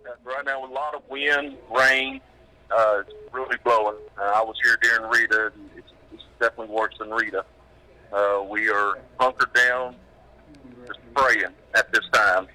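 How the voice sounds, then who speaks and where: A man, an emergency management director, calls in by phone during a live news broadcast and gives a plain-spoken, halting official update. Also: mid-range voice, fairly even intonation, sharp tone. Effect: heard over a phone line.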